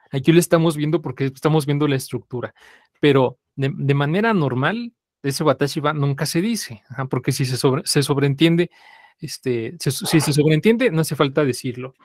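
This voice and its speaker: A man's voice: a little high, no echo. A man teaching a live language class, repeating students' answers and saying "ajá" constantly.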